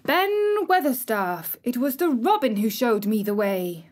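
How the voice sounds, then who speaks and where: A woman's voice: fairly high pitch, lively intonation, a little slow, mellow. A woman playing a stubborn young girl. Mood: obstinate. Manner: obstinate, breathless. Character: obstinate, bold young girl.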